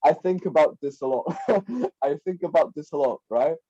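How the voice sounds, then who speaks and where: A young man from the Czech Republic, invited onto a podcast as a life coach, talks casually and meanders, full of repetition and the fillers "like" and "right?". He has a fairly high, mellow voice at normal speed, and the recording sounds dull and lo-fi.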